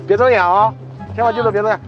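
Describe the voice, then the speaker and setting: High-pitched prankster man. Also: steady tone, very fast, muffled recording. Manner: teasing, stammering repeats. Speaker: prank video host. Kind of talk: casual prank talk. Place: seaside at night, outdoors. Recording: loud music over the voice.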